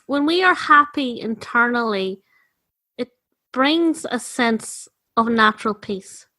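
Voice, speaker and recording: A woman's voice: fairly high pitch, lively intonation, slow, bright, forceful tone. A woman hosting a podcast, introducing her guest and asking chatty questions with plenty of fillers. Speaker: podcast host. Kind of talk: podcast interview.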